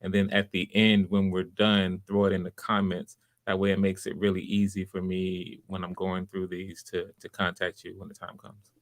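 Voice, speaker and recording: Over a livestreamed video call, a man serving as host and casting director runs live auditions, offering encouraging, conversational feedback in a casual manner. His voice is deep and monotone at a normal speed.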